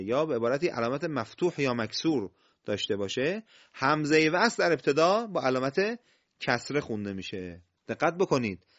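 A man teaching the rules of Quran recitation, explaining step by step, quizzing his listeners and reading example words slowly. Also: medium pitch, a bit bright. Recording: slightly dull lo-fi recording.

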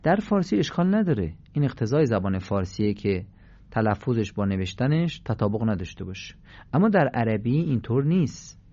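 A man's voice: mid-range voice, big pitch swings, mellow, muffled recording. Patient male radio recitation teacher. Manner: patient, demonstrates sounds with emphatic repetition. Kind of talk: radio lesson on pronunciation.

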